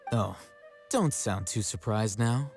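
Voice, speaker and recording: A man's voice: fairly low pitch, slow, soft background music. An actor playing a cool, sardonic young male scribe in a video game, dry and teasing.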